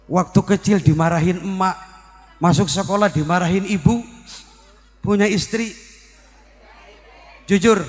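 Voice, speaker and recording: Male preacher, playful crowd-teasing delivery; faint music in the background. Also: high voice. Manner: joking, teasing the audience with questions. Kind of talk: comic religious sermon to a crowd. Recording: reverberant hall, faint music.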